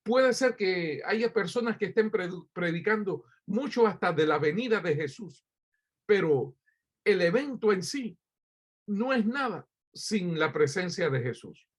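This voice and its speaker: A man's voice: high-pitched, expressive, unhurried, slightly rough. A man from Cuba preaching a sermon as pastor, addressing listeners directly with rhetorical questions and frequent hesitant fillers.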